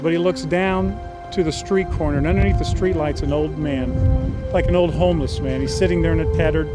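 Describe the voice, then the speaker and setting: A man with a fairly high voice walks through a film story in a loose, casual way. He restarts phrases as he tells it. Music plays clearly behind him. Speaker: screenwriter.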